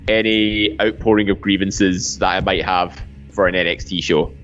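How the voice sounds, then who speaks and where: A man's voice: low-pitched, fairly even intonation, moderate pace, fairly bright tone, dull audio, soft background music. A man chatting casually as a podcast panelist, with a blunt, wry way of talking. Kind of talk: casual chat.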